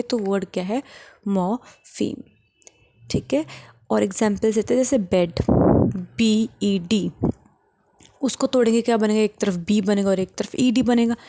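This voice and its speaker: A woman teaching linguistics in a classroom-style lecture, explaining step by step, often checking that students follow, and slowing down to dictate definitions. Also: medium pitch, dark tone. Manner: explains step by step, checks understanding with frequent rhetorical questions; slows right down to dictate English definitions.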